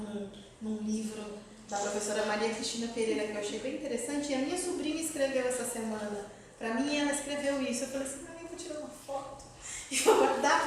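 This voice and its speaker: High-voiced woman teaching a class, keeps asking the room questions, far off the mic, lots of hall echo. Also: a little hiss or hum. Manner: lively, asks the audience questions, laughs often. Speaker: university professor giving a talk. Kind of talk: lecture to an audience. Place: lecture hall.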